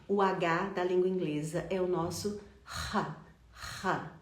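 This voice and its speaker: A woman teaching English pronunciation, drawing words out slowly and asking the listener to repeat after her. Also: on the low side, steady tone. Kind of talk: slow, emphatic language lesson. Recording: echoey room.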